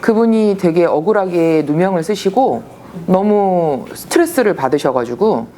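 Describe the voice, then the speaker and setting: A woman shaman recounts her experiences in a casual storytelling manner. Her low-set voice swings widely in pitch as she acts out the people she quotes. A faint hiss of noise sits under the recording. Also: expressive, normal speed, dark tone.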